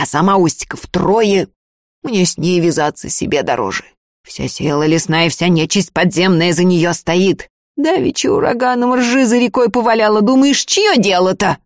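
A woman voicing a sly one-eyed village sorcerer who talks sternly and slowly. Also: lowish voice, lively intonation, no echo, clean studio sound. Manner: stern, slow, commanding.

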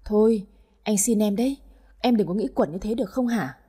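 A woman voicing a hesitant, weak-willed older husband caught between wife and mistress, with a husky voice. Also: medium pitch, fairly quick, dark tone, natural voice. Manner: hesitant, pleading.

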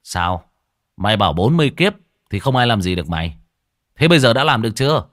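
A man playing a stern young exorcist from a spoken ghost story, growling low, menacing threats. The delivery is lively in pitch and recorded dry and close. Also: fast, dry recording.

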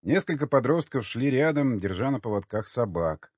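A man narrating an audiobook with lively storytelling. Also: medium pitch, moderate pace, husky, dry recording. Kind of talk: scripted narration. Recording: dull lo-fi dry recording.

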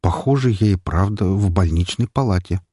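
A man narrating an audiobook in an expressive, lively reading. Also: sits low, normal speed, slightly rough, dry recording, clean studio sound.

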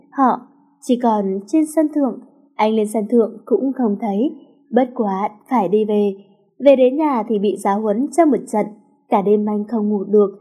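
A woman reading a teen romance story aloud in an even, unhurried narrating voice. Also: fairly high pitch, dull audio.

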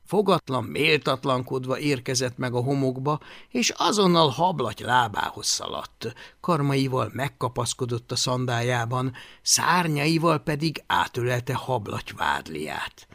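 Gravelly, lively male audiobook narrator. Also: medium pitch, dry recording. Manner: expressive storytelling. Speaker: audiobook reader.

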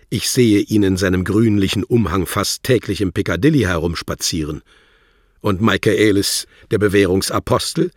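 A man voicing a scornful, threatening embassy secretary with a guttural, rasping snarl. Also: deep voice, dry recording, clean studio sound, voice pushed up, heavily acted. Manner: mocking, threatening, condescending. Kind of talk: audiobook character voice.

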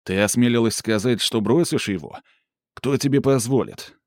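A man's voice: mid-range voice, normal speed, dry recording, studio quality, natural voice. A man voicing a stern, domineering young man who scolds and commands harshly. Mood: angry.

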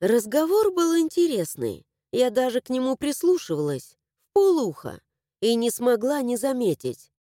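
Woman narrator, fantasy audiobook, animated and mellow, dry close read. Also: fairly high pitch, normal speed, no echo. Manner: expressive, animated storytelling.

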